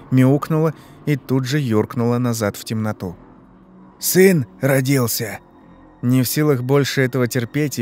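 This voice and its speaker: Guy telling a horror story, even measured pace, faint music underneath. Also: medium pitch. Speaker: narrator.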